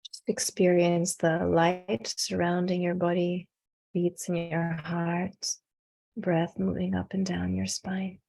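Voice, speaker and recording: A woman guiding a meditation, giving slow, calm breathing instructions with long pauses. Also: fairly low pitch, gravelly. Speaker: meditation teacher.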